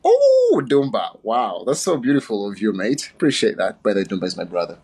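A man's voice: fairly low pitch, wildly swooping pitch, brisk, a little mellow, breathy edge, poor audio. A man from Uganda hosting a casual, playful livestream chat on his phone, chatting and laughing often. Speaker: livestream host.

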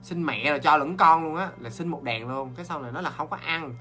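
A man's voice: fairly high pitch, faint music behind. Chatty Southern Vietnamese man telling ghost tales. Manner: animated, talks straight to viewers, quick asides and laughs. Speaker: ghost story host. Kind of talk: chatty livestream storytelling.

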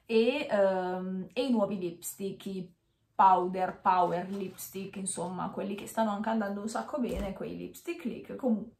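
In an echoey small room with bare walls, a beauty vlogger in her thirties chats to camera while unboxing, wearing a dental retainer. Her mid-range voice is creaky and darkish, moving at a measured pace as she hesitates and corrects herself.

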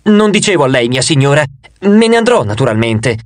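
A man's voice: mid-range voice, very animated, brisk, no echo, natural voice. A man reading an audiobook, voicing the gleeful, teasing face of a two-faced male god. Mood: flustered.

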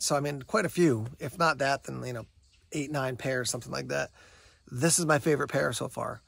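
A gear review vlogger in his forties, an American, records an unscripted, conversational review to camera, hesitating now and then, with the woods, a yard, and a parking lot as settings. His voice is on the high side and fairly bright, with no echo, though outdoor background noise is clearly heard.

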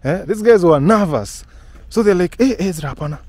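A man's voice: high-pitched, a little fast. A man with a Kenyan accent, talking casually and laughing often while he walks a residential street and films on a phone. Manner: lively, mixes English and Swahili, laughs often. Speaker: vlogger and house-hunting guide. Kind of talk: casual walking vlog.

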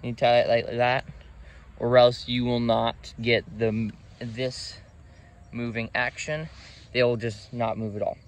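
A young man with a mid-range, level voice speaks unhurriedly as the host of a series, giving a casual, loosely worded how-to demonstration. He's outdoors in a wooded park area, recorded on the camera's built-in microphone.

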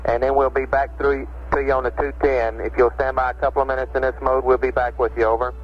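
A man's voice: medium pitch, flat delivery, fast, highs cut off, slight background noise. A man working as a mission control communicator, exchanging procedural calls over space radio. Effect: space radio transmission. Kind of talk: radio call-and-response procedure talk. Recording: band-limited 1960s mission radio, music behind.

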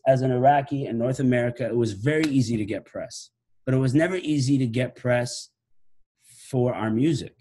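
A man's voice: medium pitch, darkish tone. A man in his late thirties from Iraq, a musician and professor, talking thoughtfully to camera on a video call from his living room, often restarting phrases. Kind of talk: reflective talk to camera. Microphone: laptop webcam video call.

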